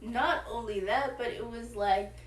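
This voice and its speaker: A woman's voice: fairly high pitch, a little slow. A woman co-hosting a casual Bible study livestream, chiming in with chatty comments. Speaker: ministry co-host. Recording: echoey, distant from mic, faint noise.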